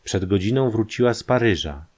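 A man's voice: lowish voice, animated, fairly quick, a little mellow. A man voicing a timid, desperate young painter. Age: young adult. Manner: nervous, pleading, trembling.

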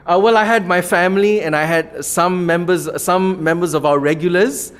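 A man's voice: sits high, fairly even intonation, normal speed, a bit bright, smooth. A man with a Malaysian accent, a comedy club owner telling his story in an interview, earnest and rambling, laughing now and then.

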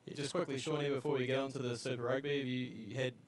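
A man's voice: mid-range voice, flat delivery, fast talker. A man co-hosting a sports podcast from a studio, friendly and conversational. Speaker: podcast co-host. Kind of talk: casual sports chat.

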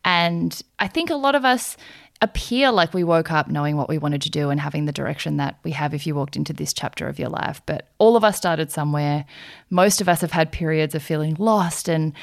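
A woman's voice: low-pitched, brisk, gravelly, no room sound, studio quality. Enthusiastic woman hosting a podcast. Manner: enthusiastic, laughs often. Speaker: podcast host. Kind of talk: podcast interview.

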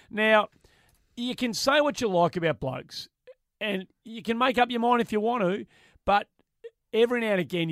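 A man's voice: high-pitched, no echo, studio quality. A man with a broad Australian accent debating football casually and emphatically, repeating phrases to drive his point home. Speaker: sports podcast panellist.

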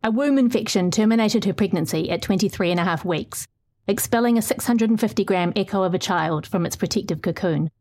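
A middle-aged woman reads a long feature aloud. Her voice sits at an ordinary middle pitch, and her reading is steady and clear. When answering questions she talks more loosely, with small restarts. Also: brisk. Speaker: reporter.

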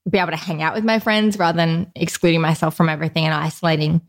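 Low-pitched and gravelly, this woman speaks fast in a steady tone. She's an Australian podcast guest in a casual interview, openly chatting about her life with frequent "like" fillers.

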